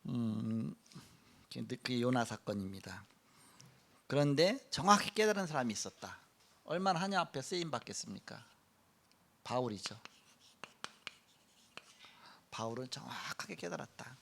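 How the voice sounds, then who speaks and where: A middle-aged male pastor giving a sermon, telling a story with lively acted-out quotes. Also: mid-range voice, normal speed, creaky, pauses often. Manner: animated storytelling, acts out quoted lines.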